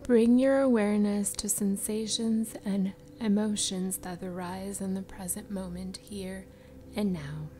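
A woman guiding a meditation in a soft, breathy spa voice that trails into whispers, soothing and unhurried. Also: mid-range voice, fairly even intonation, a little hiss or hum. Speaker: meditation guide. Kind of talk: slow guided meditation narration. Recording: music behind the voice. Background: background music.

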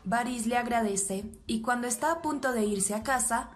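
A woman with a voice on the high side narrates an episode recap steadily at a moderate pace, reading the characters' lines plainly. Faint music plays in the background.

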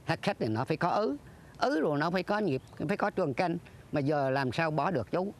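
An older former troupe leader reminiscing earnestly in an interview, acting out old conversations. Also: male voice, on the high side, very animated, brisk, slight background noise. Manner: earnest, acts out dialogue, breaks into sung lines.

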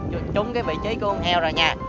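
Young Southern Vietnamese man, high-pitched, over loud music. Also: rapid-fire, muffled recording. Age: young adult. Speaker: host of a challenge video. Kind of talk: casual vlog presenting and instructing. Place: open grassy field outdoors.

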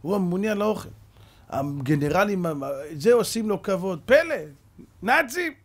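A man's voice: high voice, a little mellow. A man, a rabbi, preaching and telling a story emphatically, often calling to his listeners directly. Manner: emphatic, addresses audience directly. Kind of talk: dramatic sermon storytelling.

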